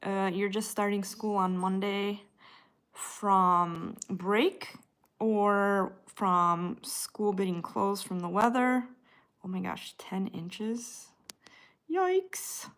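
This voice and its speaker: A woman with a Midwestern accent, from the United States, chats casually with her livestream viewers, addressing them by name comment by comment. Her medium-pitched voice has a fairly bright tone and she draws out her words.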